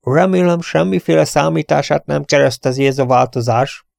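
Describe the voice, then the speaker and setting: A man's voice: a little high, vocal fry, darkish tone, no room sound, clean studio sound, pitched above the performer's own voice. A man voicing a cheerful, dignified prince who turns mock-stern. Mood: jovial. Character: jovial, dignified, scheming male prince.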